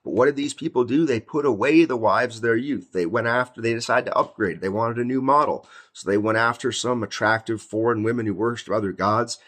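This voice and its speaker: A man preaching a sermon, reading scripture slowly and then explaining it in emphatic, informal words. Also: mid-range voice, fairly bright tone.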